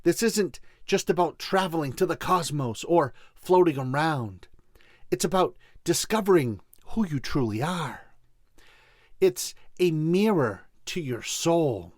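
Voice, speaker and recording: Male host, Boston accent, slightly high voice, folksy motivational delivery on spiritual subjects, close dry sound. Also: expressive, unhurried, dry recording. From Boston, USA. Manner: folksy, addresses listeners directly. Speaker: show host. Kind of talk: motivational spiritual talk show monologue.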